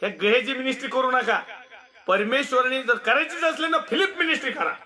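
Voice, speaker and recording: A man's voice: very high voice, a little fast, pushed and bright. A male pastor preaching a sermon in a mocking, scolding way, often laughing as he talks.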